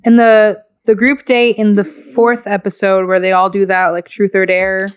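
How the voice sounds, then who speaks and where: A woman's voice: mid-range voice, level tone, normal speed, smooth. A woman in her twenties co-hosting a podcast, recapping events in casual chat and laughing often. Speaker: podcast co-host.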